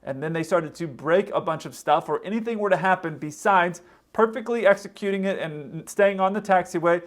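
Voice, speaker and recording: A man's voice: high voice, a little fast. A man hosting a casual explanatory commentary, conversational and acting out hypothetical quotes as he goes. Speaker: host, pilot commentator.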